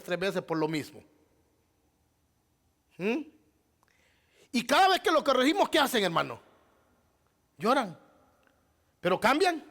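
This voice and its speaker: A man's voice: sits high, fairly bright tone. A male pastor preaching a sermon, asking rhetorical questions and addressing the congregation as beloved brother.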